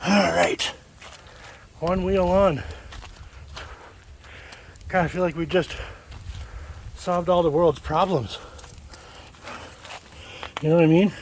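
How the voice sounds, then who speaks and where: A man with a slightly raised voice talks casually through his work in a workshop, easygoing and thinking out loud. His breath grows heavy with effort now and then. A faint hiss of noise sits under the recording. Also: fairly high pitch, measured pace, vocal fry, pauses often. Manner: relaxed, talks to himself while working, breathes hard from effort. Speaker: DIY builder vlogging his project. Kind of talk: casual self-narration while working.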